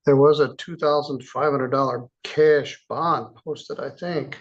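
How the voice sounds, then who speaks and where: A man presiding as a judge in a courtroom, speaking in a measured, plainspoken way with casual asides. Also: medium pitch, steady tone, highs cut off. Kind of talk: courtroom proceedings.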